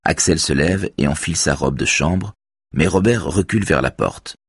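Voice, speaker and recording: A man giving a measured, even scripted narration of a novel. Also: extremely low pitch, breathy edge, no echo.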